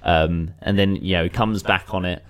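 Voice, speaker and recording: Man, deep pitch, casual rambling music-review host, lots of restarts. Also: fairly even intonation, normal speed, smooth. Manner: rambling, restarts, many "you know".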